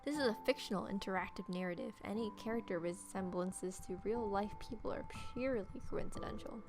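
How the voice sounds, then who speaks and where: A gaming video host with a medium-pitched, brisk voice plays through a game casually, reading its text aloud and tossing in wry, sardonic remarks. Soft game music plays faintly behind her.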